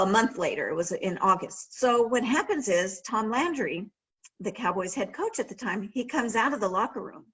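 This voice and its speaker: Husky-voiced woman telling a story. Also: medium pitch, a bit bright, low-quality recording. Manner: anecdotal, conversational, with frequent restarts. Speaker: author and former sportswriter giving a library talk. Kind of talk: storytelling talk.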